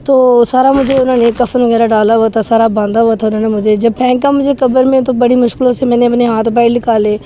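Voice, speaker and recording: Shaken and trembling, a woman tells an interviewer about something frightening that happened to her, speaking with earnest emotion. Her mellow, slightly high voice keeps a fairly even intonation with hardly any pauses, over slight background noise.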